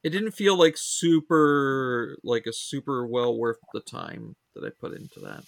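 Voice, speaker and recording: A man co-hosting a casual podcast chat, animated and reading show blurbs aloud. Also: mid-range voice, unhurried, vocal fry, no room sound. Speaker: podcast co-host.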